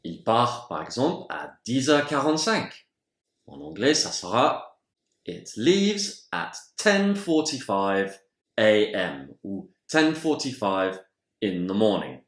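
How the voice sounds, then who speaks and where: Male teacher, bilingual vocab lesson, slow and deliberate, pitch swings widely, roomy echo. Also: big pitch swings. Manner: slow, careful pronunciation of example words. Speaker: English teacher. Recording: roomy echoey room.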